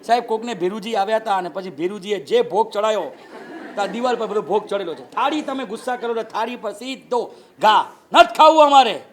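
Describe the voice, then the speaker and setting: A Jain monk preaches with a Gujarati accent and a strikingly high voice for a man. He keeps his sermon light and lively, raising his voice to act out the people in his stories. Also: brisk, some chatter behind, a little hiss or hum. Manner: animated, acts out quoted people with raised voice. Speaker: Jain monk giving a discourse. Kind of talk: humorous sermon.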